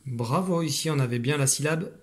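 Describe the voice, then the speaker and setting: A little high and brisk, this man's voice comes from a desk computer at home. He's a primary school teacher running a video reading lesson for young children, explaining with patience and giving encouragement.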